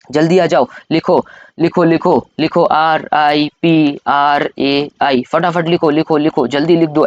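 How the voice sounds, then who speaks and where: A young man teaching an exam coaching lecture, drilling points by loud repetition in a coaxing, informal way, his throat strained from shouting. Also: fairly high pitch, dull audio. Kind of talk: Hindi-English coaching lecture.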